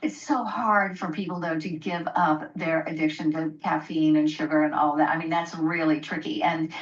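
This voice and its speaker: A woman with a lowish voice hosts a public radio interview. She talks conversationally, pausing and hesitating with ums as she goes. The sound is slightly dull and echoey. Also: fairly even intonation. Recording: dull, roomy, distant microphone sound.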